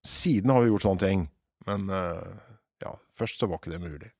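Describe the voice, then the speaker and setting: Low-voiced man, animated director. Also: no room sound, studio quality. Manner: animated, hesitant with many fillers. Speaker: theatre director. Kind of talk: reflective interview talk.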